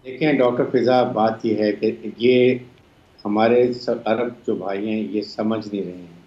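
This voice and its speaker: Brigadier guy on a tv panel, low mellow voice, echoey dull line w a bit of hiss. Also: fairly even intonation, unhurried. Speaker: brigadier, defense analyst guest. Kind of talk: TV panel analysis.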